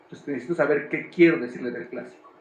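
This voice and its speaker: A man's voice: a little high, fast. A man, a theater director, explaining his work thoughtfully with frequent restarts. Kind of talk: explaining in a talk. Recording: echoey room.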